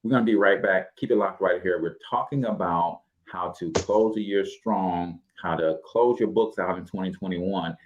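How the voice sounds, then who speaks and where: A man's voice: sits low, moderate pace, few pauses, dull audio. A man hosting a podcast, talking money in emphatic, punchy phrases with repetition and radio-style segues. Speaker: podcast host.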